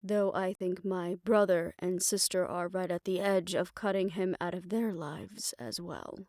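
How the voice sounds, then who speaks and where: In a fantasy audio roleplay, a woman voices a tender, world-weary lover, her low voice measured, reflective and intimate, with formal phrasing and soft hushed moments. The mood is measured and resigned, delivered as an intimate scripted monologue in clean studio sound with no echo.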